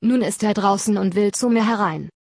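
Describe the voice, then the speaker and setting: A spoiled young storybook princess, fretful and whiny, voiced by a woman in her plain reading voice. The pitch sits in the middle and the sound is dry. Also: moderate pace, darkish tone, slightly rough, no echo.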